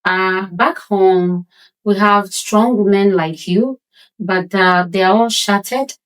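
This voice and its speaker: A woman's voice: mid-range voice, slow, smooth, rough recording. Supportive woman hosting a talk show. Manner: supportive, with frequent short affirmations.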